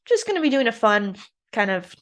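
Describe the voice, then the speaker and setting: A woman co-hosting a casual podcast, chatting and reading a scripture passage aloud in an even storytelling tone. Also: a little high, a little fast. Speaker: podcast co-host.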